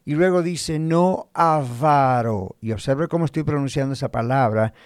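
A man preaching a sermon in Spanish, teaching slowly and deliberately, asking his listeners rhetorical questions. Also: mid-range voice, a little mellow, dry recording, studio quality. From Spanish-speaking, living in the United States. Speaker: pastor.

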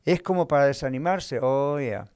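A man's voice: mid-range voice, moderate pace, a little mellow, clean tone, dry recording. A man preaching as a pastor, putting questions to his listeners and answering them himself. His voice sits in a middle register and is recorded dry and close, with no room sound. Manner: preaching with rhetorical questions and acted quotes. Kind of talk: sermon.

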